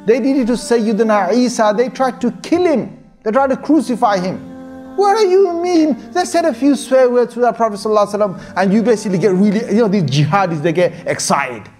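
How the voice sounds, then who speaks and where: A man delivers an informal sermon in a rather high voice. He talks earnestly, circles back on his points, and fills gaps with "you know". Soft music plays faintly underneath. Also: animated, a little fast. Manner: earnest, repetitive exhortation with many fillers. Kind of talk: informal sermon to a young audience.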